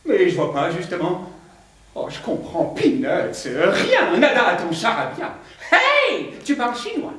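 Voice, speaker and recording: A woman's voice: lowish voice, sing-song, unhurried, a bit bright. A woman playing a cheeky, zany caterpillar with a boy's voice in a children's stage play, teasing and singsong. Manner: zany, singsong, rattles off greetings in many languages, teasing. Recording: echoey stage from far off.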